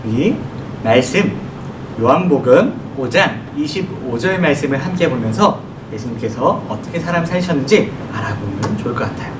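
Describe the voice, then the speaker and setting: A man giving a children's sermon, in a lively way. He asks the children questions and answers them himself. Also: mid-range voice, normal speed. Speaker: children's ministry preacher. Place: church worship room. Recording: echoey room from far off, noisy.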